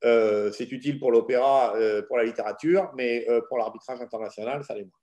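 A man's voice: mid-range voice, brisk, muffled recording. A middle-aged man, a law professor and arbitrator, giving frank, opinionated answers to student questions in an online session. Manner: frank, opinionated, lively explanations.

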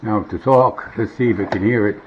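The dull, noisy audio of a home camera captures a middle-aged man at a wooden table indoors, briskly and casually demonstrating a vintage gadget. His voice is on the low side, and he tends to ramble and mutter.

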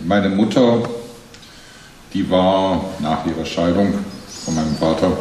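An older man giving a conversational, wry public lecture at a desk microphone on a dark stage. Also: deep voice, recorded from a distance, slight background noise. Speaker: guest speaker, journalist. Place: dark theatre bar stage, spotlit. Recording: very echoey room, voice from off-mic.

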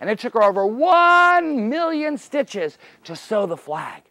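Animated, high-pitched male kids party magician. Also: measured pace, gravelly, no echo. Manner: exuberant, theatrical, often shouting and playfully exclaiming. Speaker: children's magician. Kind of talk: kids party magician patter to child volunteers. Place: children's library room, performing before seated kids.

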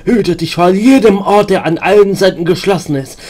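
A man voicing a ragged, half-mad woman in a computer role-playing game who raves about doors to other places, read aloud in a raised, excited voice. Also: sits high, moderate pace, pitched above the performer's own voice. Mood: raving.

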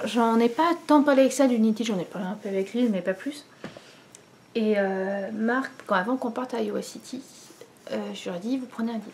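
In her living room, a thirty-something French knitting vlogger speaks informally to a front-facing camera showing her head and shoulders. Her fairly high voice sounds a little mellow, with a faint hiss or hum, as she rambles through frequent fillers and restarts.

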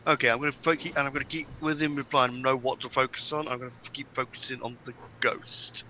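A man's voice: mid-range voice, little pitch movement, quick pace, pushed and bright, slight background noise, low-quality recording. A man playing a tabletop game, describing his character's actions in a hesitant way with many restarts. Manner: hesitant, restarts and ums while planning. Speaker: player. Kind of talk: casual tabletop game play.

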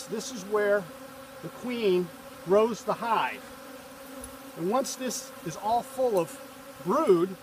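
High-voiced man explaining beekeeping outdoors. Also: noisy background. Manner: calm, explains step by step while working. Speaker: hobby beekeeper. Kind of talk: casual how-to narration. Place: outdoors on a farm field by a beehive. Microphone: camera a few feet away, speaker in a bee suit and veil. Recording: distant outdoor camera audio, buzzing bees.

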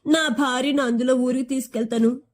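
A woman's voice: high voice, steady tone, fairly quick. A woman voicing a poor village father in grief, pleading in a trembling voice.

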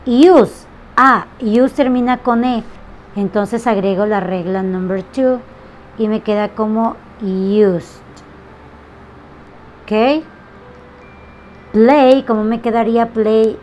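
Slow, patient high-voiced woman teacher. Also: steady tone, a little mellow, slight background noise. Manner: patient, slow, repeats each example with frequent "ok?" checks. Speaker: English teacher. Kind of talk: explaining grammar rules to students.

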